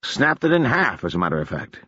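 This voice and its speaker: Man doing a wry deadpan army officer, raised husky voice, lively swings in pitch, dry dull audiobook sound. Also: fairly quick, no echo, heavily acted. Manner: deadpan, ironic. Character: wry lanky male soldier officer, dry humor.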